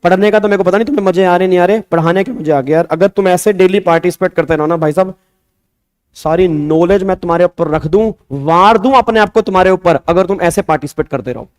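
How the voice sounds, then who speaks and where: A man with an Indian accent teaching tax law in a lively online class, teasing his students and asking them questions. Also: high-pitched, fast talker.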